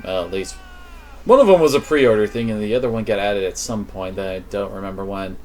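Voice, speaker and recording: A man's voice: lowish voice, a little fast, a little mellow, slight background noise. A man streaming a game with casual commentary and wry, sarcastic asides.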